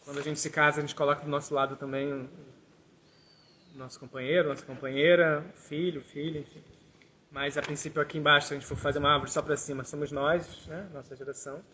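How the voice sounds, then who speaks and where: Man, tarot teacher, step-by-step class, fairly high voice, bright and forceful tone. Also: flat delivery, fast, a little hiss or hum. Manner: talks through steps, tags lines with "né?". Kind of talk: explanatory class with a hands-on exercise.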